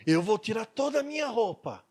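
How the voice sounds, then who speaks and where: A man voicing an experienced dentist who gives calm, firm orders. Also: high-pitched, a little fast, breathy edge, voice pushed up, heavily acted.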